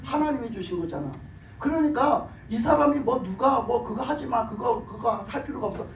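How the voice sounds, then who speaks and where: Animated and moving at a moderate pace, a pastor preaches emphatically, laughing and firing rhetorical questions. Years of shouted prayer have left his extremely high voice hoarse and broken. The mic sits far from him in an echoey room, picking up faint ambience and a little hiss or hum.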